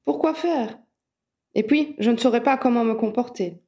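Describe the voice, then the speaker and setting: Brief: grumbling young male wizard, sulky and wary, mellow tone, read by a woman narrator. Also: fairly high pitch, moderate pace, lo-fi sound, natural voice. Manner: sulky, reluctant.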